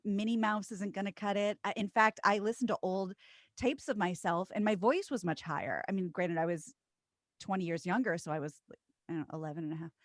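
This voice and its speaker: A woman in her thirties, a radio co-host and voiceover artist, chatting as a guest with self-deprecating asides in a trained low broadcast voice. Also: dry recording, studio quality. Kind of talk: casual interview chat.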